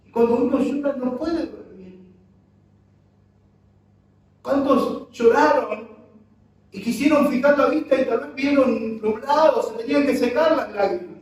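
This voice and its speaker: A man's voice: very high-pitched, a little slow, long pauses, darkish tone. A man preaching a sermon, impassioned and full of rhetorical questions to the congregation, recorded in a church. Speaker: pastor. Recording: very echoey church hall, mic far off.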